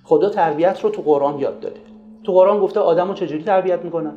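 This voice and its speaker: A man giving a lively talk on raising children, pressing the listener with rhetorical questions. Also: high voice, lo-fi sound. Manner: asks many rhetorical questions. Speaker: religious parenting speaker. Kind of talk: lively lecture retelling a story. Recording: roomy echo with faint music.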